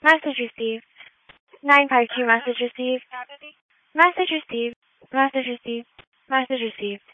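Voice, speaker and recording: A woman working as an emergency dispatcher, giving brisk, routine calls over a two-way dispatch radio. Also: sits high, dry recording. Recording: tinny, narrow two-way radio.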